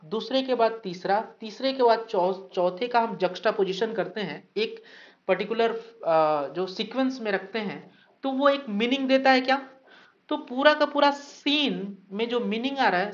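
A man's voice: high voice, lo-fi sound. A man teaching an online exam-prep lecture, mixing Hindi and English and asking questions of his students. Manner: addresses students as sir, reads names from the live chat; mixes Hindi and English, asks questions of the class.

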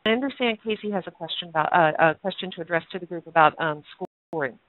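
A woman moderating a webinar, speaking haltingly with stammers and fillers. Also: fairly low pitch, dry recording. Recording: phone-line audio.

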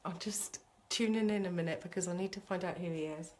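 With a lowish voice and quick pace, a female psychic medium chatters excitedly through a spirit reading on her live stream. She calls the viewers sweetie.

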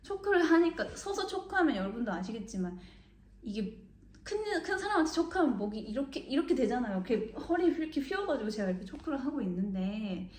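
A young vlogger from Mokpo, South Korea, speaks fast in a fairly high voice with big pitch swings, recorded in an echoey room. She tells a story casually and acts out the people she quotes.

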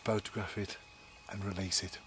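Male angler vlogger, 40s, upbeat and hushed by turns, close camera mic outside, faint background noise. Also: low voice, flat delivery, moderate pace. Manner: upbeat, chatty, often hushed to a near whisper. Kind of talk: casual outdoor vlog commentary. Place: canal bank outdoors at night and dawn. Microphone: camera mic at close range.

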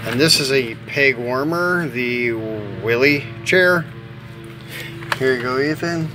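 A middle-aged American man who collects toy cars hosts an unboxing, offering casual, informal commentary full of rambling asides. His voice is medium-pitched, and the rough home-camera recording, made on a handheld camera or phone mic, carries clear background noise.

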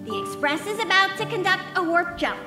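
A woman's voice: very high voice, big pitch swings, brisk. A woman voicing a small train conductor, calling passengers to gather in a formal ship tannoy announcement. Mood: announcing. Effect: ship tannoy announcement over a loudspeaker. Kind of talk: game character dialogue. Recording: echoey distant loudspeaker with game music.

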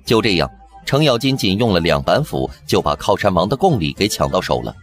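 A man narrating a TV drama recap in brisk scripted storytelling. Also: deep voice, very animated. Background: background music.

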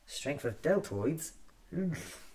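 Quirky time-traveller doctor played by a man, thirties, for soft ASMR roleplay; unhurried muttered monologue, animated pitch. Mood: musing, wry. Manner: muttering to himself, halting, deliberate. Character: newly regenerated time-travelling alien doctor, musing, quirky, self-examining.

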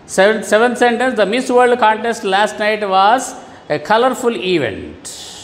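A man's voice: sits high, sing-song, unhurried, long reverb tail. A man teaching an online lesson to schoolchildren, patiently repeating and rephrasing words. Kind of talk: online classroom lesson for children.

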